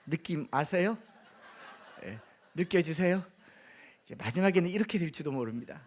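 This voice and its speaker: A man's voice: on the high side, animated, moderate pace. A middle-aged man from the Gyeongsang region, a pastor with a Gyeongsang Korean accent, preaching a sermon earnestly with humorous asides. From Gyeongsang region, South Korea.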